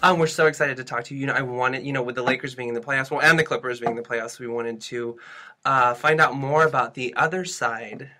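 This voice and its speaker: A man's voice: mid-range voice, steady tone, bright, forceful tone. A man hosting a casual radio chat show, cracking crude jokes and laughing often. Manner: jokey, laughs often, quick asides.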